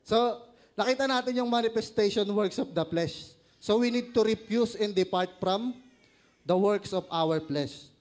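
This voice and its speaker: A man's voice: sits high, a little slow, a little mellow. A man with a Filipino accent preaching a sermon, joking, laughing at his own stories and asking the congregation questions.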